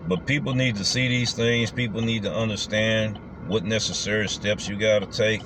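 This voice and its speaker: A man with a very low voice talks in a casual vlog style. He is colloquial and emphatic, circling back over his phrases, with clear background noise like a vehicle's hum. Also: fairly even intonation, moderate pace. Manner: colloquial, emphatic, repeats himself. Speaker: delivery driver and vlogger.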